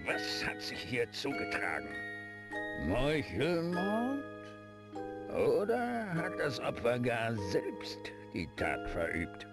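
An actor playing a grumpy, blustering old police inspector in a video game, bossy and quick to scold. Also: male voice, medium pitch, wildly swooping pitch, full character voice. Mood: brusque, suspicious. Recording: loud music under the voice.

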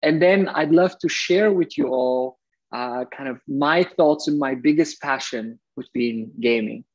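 A middle-aged man from Bulgaria presents to a young audience in an earnest, friendly way, his words often broken by "uh" fillers. His voice sounds a little husky. It comes through muffled, lo-fi video call audio. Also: medium pitch, a little slow. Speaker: guest speaker, entrepreneur.

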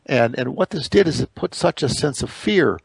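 A man's voice: mid-range voice, lively intonation, normal speed, creaky, breathy edge, no echo. A middle-aged American man hosting an interview show, talking casually and often stumbling over repeated words as he starts his sentences. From United States. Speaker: radio show host.

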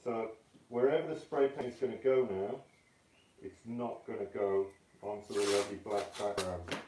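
A man's voice: lowish voice, normal speed, slight background noise. Laid-back man, muffled by a mask. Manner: relaxed, offhand, self-deprecating. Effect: muffled through a respirator mask. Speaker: art teacher. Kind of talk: casual tutorial demonstration. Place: indoor studio room. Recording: roomy, mic at a distance.

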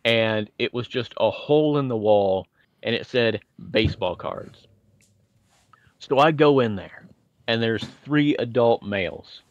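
A man from Indiana with a fairly low voice co-hosts a podcast, telling chatty, winding nostalgic stories sprinkled with self-deprecating asides. The recording is dry, with the highs cut off.

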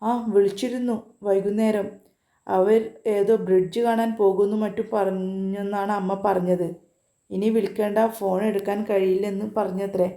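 A woman voicing an affectionate young man who teases playfully and comforts gently. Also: mid-range voice, little pitch movement, normal speed, close to an everyday voice. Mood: teasing. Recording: roomy echo.

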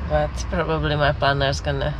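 A woman's voice: deep voice, background noise. Woman with a cold chatting in a lorry cab. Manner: relaxed, chatty, laughs often, slightly non-native phrasing. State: has a cold. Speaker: lorry driver vlogger. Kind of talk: casual vlog chat. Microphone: camera on the dashboard.

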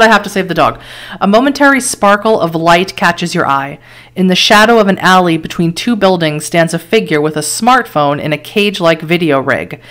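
A woman streamer reading an interactive horror story aloud, with quick surprised asides and laughs as she weighs each choice. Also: fairly low pitch, fairly bright tone.

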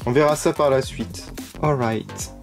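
A man's voice: mid-range voice, measured pace, creaky. A man giving casual unboxing commentary as a toy vlogger, gushing with frequent delighted exclamations. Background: background music.

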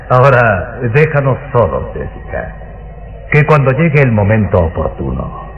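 An actor playing a sinister, ancient aristocratic vampire count in an old radio drama, theatrical, mocking and drawn-out. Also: male voice, fairly low pitch, a little hiss or hum, exaggerated voice. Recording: dull old radio recording with music.

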